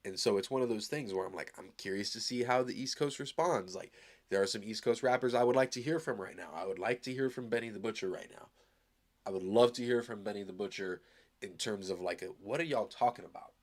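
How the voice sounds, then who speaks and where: A man with a somewhat low voice talks in a loose, rambling way, full of fillers and quick restarts. He sounds upbeat and casual, like a host reacting live to a track. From Arizona.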